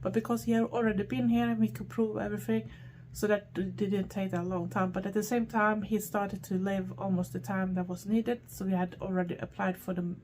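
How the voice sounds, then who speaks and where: A middle-aged woman from Sweden with a Swedish accent, talking in a chatty, rambling way with frequent pauses. She answers viewer questions for her own channel. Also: mid-range voice, little pitch movement, a little mellow, slight background noise. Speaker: vlogger. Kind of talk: casual Q&A chat to camera.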